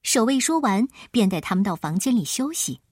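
A woman storyteller giving expressive scripted narration of a children's tale. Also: mid-range voice, fairly quick, breathy edge, no echo, clean studio sound.

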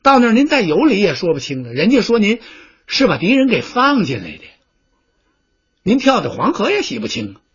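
A male storyteller voicing a cautious male strategist who speaks in a low, hushed, coaxing way, with a husky voice. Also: wildly swooping pitch, fairly quick, exaggerated voice. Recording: dull lo-fi recording.

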